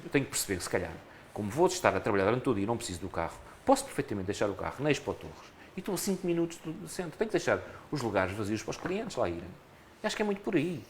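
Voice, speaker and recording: A man's voice: medium pitch, a little hiss or hum. A man with a European Portuguese accent, a candidate in a local election, answering radio interview questions earnestly and often restarting his phrases.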